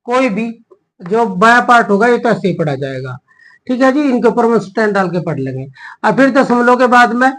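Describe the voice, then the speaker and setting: Male maths teacher, slow patient explanation, repeats and checks in often. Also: high-pitched, poor audio. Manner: slow, repetitive, often asks "है ना?" and "ठीक है जी". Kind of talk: classroom explanation.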